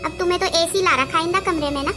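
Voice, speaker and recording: A woman playing a sharp-tongued, lazy sister-in-law who scolds and makes excuses. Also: extremely high pitch, quick pace, over music. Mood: taunting.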